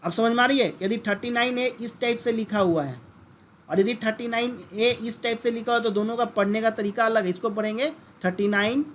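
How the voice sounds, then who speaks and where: A man with a very high voice teaches a lecture-style lesson, repeatedly asking the class questions and going over the key terms again. He addresses his listeners as friends, and a little hiss or hum can be heard.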